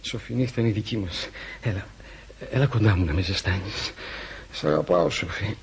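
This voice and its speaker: A maudlin drunk old painter. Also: male voice, fairly low pitch, creaky, slight background noise. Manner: slurring, maudlin and wheedling. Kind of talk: radio drama acting.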